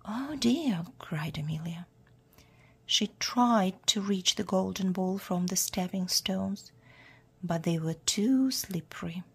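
Woman reading a storybook, hushed half-whisper, super breathy, slow. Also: on the low side. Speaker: storyteller for English learners. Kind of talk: storybook read-aloud.

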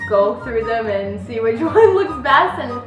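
A woman's voice: on the high side, sing-song, unhurried, dull audio. A woman in her twenties hosting a casual challenge vlog, chatting to viewers from a room at home. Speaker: challenge video host. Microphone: camera a short distance away. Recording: echoey room, music over it.

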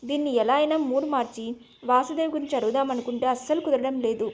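A woman's voice: sits high, fast. A woman voicing a young husband and father who is teasing and exasperated, with a playful, pleading manner, in a storybook reading.

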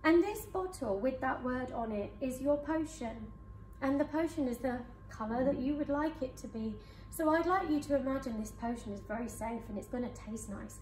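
A woman hypnotherapist leading a guided hypnosis session for a live audience in a conference room, speaking in slow soothing suggestions. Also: high voice, expressive, darkish tone, slight background noise. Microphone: far camera. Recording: echoey room from far off.

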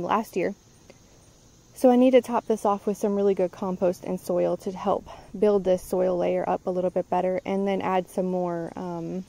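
Her voice medium in pitch, gravelly yet mellow, a gardening vlogger rambles casually through an outdoor tour of her garden, chatty and full of ums. She shoots it all on a handheld phone camera, and the recording is low quality.

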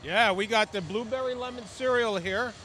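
A man's voice: sits high, moderate pace, bright, forceful tone, faint music behind. A middle-aged man chatting as an upbeat, agreeable vendor in a promotional interview. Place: trade show booth indoors. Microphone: handheld microphone held by interviewer. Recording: noisy convention hall.

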